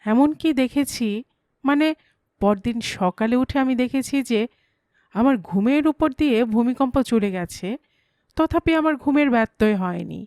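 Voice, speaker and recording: Woman telling a funny story, playful and lively, highish voice, dry close mic. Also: unhurried, no room sound. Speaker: narrator. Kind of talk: comic story narration.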